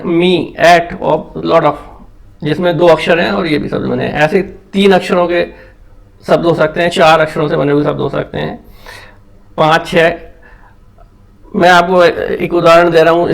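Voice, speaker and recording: A man's voice: a little high, creaky. A man teaching English pronunciation basics, explaining patiently step by step in a mix of Hindi and English.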